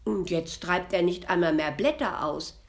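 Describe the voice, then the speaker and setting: A woman's voice: fairly low pitch, expressive, normal speed, gravelly. A woman voicing a shrewd, sly old grandmother in a spoken fairy tale, talking in a coaxing, soothing way.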